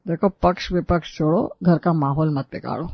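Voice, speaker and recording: A woman voicing a calm older father-in-law who soothes a family quarrel in a cartoon story. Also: normal speed, dry recording. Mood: soothing. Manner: low and soothing. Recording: dull lo-fi dry recording.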